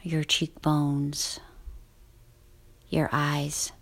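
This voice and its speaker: Slow whispering woman, low gravelly voice. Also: flat delivery. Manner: soft, slow, soothing whispered delivery. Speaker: guided relaxation host. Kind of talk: guided sleep meditation.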